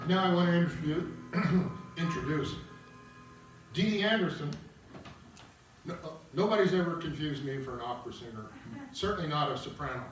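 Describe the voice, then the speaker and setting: Loud plucked guitar fills the background as a man narrates a scripted stage piece, reading out scenes and stage directions for an opera table read. His voice is a little high, his speed normal, and he pauses often, while the distant mic gives everything a roomy echo.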